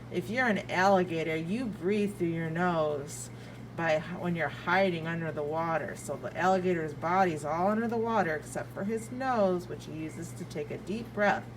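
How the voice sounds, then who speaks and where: A woman with a lowish voice reads aloud to young children the way a preschool teacher would, expressive and playful, stretching out key words and adding asides and questions. Background noise can be heard.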